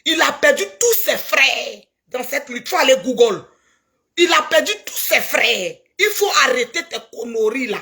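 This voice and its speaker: A woman's voice: high voice, expressive, moderate pace, creaky, bright, forceful tone. A woman with an Ivorian French accent delivering a heated, preachy video rant and scolding someone emphatically. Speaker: social media commentator.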